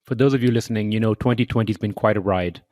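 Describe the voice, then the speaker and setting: A man hosting a podcast interview, reading measured, scripted introductions and asking questions. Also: on the low side, darkish tone, dry recording, clean studio sound. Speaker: podcast host.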